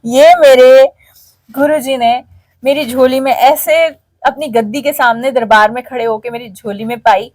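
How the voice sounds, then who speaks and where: A woman's voice: high-pitched, fairly even intonation, unhurried, a little mellow, no room sound. A middle-aged woman telling an emotional, heartfelt devotional testimony to a congregation.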